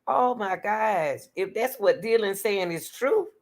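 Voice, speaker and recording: A woman hosts casual true-crime commentary, reading case details aloud and stopping to question and argue with them. She is animated, exclaiming and addressing viewers directly, in a medium-pitched voice at a slow pace.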